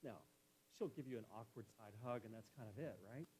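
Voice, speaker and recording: A man's voice: medium pitch, fairly quick, a little mellow, a little hiss or hum, poor audio. A man in his fifties preaching a casual, conversational sermon in a church, full of folksy, playful stories about home life. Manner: folksy, anecdotal, playful asides.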